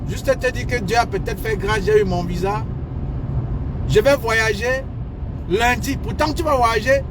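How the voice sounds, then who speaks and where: A man with a strikingly high voice lectures his viewers, hammering home each point by repeating it. He talks outdoors near a street, and the sound of passing traffic comes through clearly. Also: unhurried. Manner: lecturing, repetitive, emphatic. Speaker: advice vlogger. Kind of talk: casual advice monologue.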